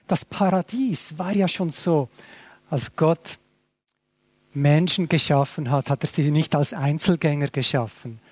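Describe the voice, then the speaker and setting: A man's voice: a little high, a little mellow, dry recording. A man preaching a sermon to a small church, conversational and full of questions. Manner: conversational, asks many questions. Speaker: pastor.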